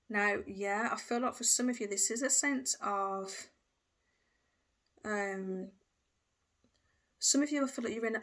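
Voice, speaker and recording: A woman giving a casual tarot reading, talking intuitively and hesitantly with restarts and "I feel" phrases. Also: medium pitch. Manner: hesitant, hedging with frequent fillers and restarts. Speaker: tarot reader.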